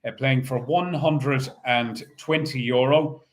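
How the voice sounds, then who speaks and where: Irish man calling out bingo numbers. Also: medium pitch. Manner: measured, formulaic announcing. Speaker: bingo caller and host.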